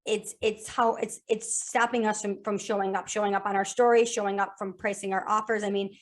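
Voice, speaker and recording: Here a woman talks sales as a podcast guest, her mid-range voice moving a little fast. The delivery is casual and energetic, with listed phrases repeated and frequent restarts.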